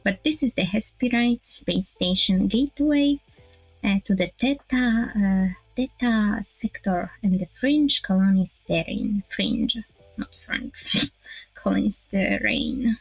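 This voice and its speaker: Young woman, streamer, visual novel read-aloud, halting, laughing asides, slow, dull dry audio. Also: mid-range voice, creaky, no room sound.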